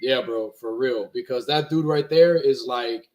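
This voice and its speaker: A man's voice: mid-range voice, unhurried, a little mellow, a little hiss or hum. A young man from Miami whose first language is Spanish, talking casually as a guest with lots of fillers and restarts. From Miami, Florida. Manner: laid-back, rambling, many fillers and restarts. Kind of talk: casual interview talk.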